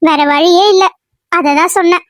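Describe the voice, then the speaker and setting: Woman playing a shrill, gossipy cartoon aunt with a dry close sound. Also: steady tone, normal speed, no echo. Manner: insistent, gossipy. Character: gossiping, scolding aunt, middle-aged woman.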